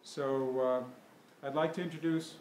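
Older man moderating in a roomy hall. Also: medium pitch. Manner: relaxed, halting, many fillers. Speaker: event moderator. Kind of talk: opening remarks at a public forum. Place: school meeting room, at a podium. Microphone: podium microphone. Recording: roomy hall with faint room noise.

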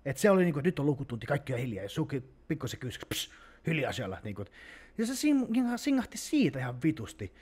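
A man's voice: a little high, breathy edge. A man hosting a podcast, chatting casually and swearing heavily as he talks. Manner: heavy swearing, animated. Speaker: podcast host, bodybuilding coach.

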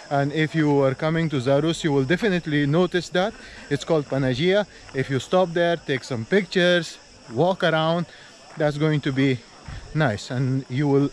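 A man's voice: fairly high pitch, a little mellow. A man, chatting casually as a travel vlogger on a forest trail and later while driving, with lots of fillers and restarts, filmed on an action camera held at arm's length. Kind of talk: casual travel vlog narration. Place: outdoors on a forest trail, then driving a car. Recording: noisy outdoor and car ambience.

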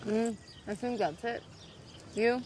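A woman's voice: on the high side, slow, a little mellow, a little hiss or hum. An actress in her twenties with a Colombian accent, playing a playful young woman teaching a visitor to pronounce words. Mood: chatty. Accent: Colombian Spanish. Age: 20s. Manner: teasing, patient, laughs easily. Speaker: lead character. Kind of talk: film dialogue.

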